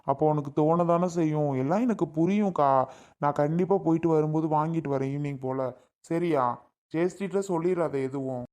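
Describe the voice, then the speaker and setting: Brief: woman as a gentle younger brother, lowish mellow voice, coaxing tone. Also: a little fast, natural voice. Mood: soothing. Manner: coaxing, reassuring. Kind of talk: family skit acting.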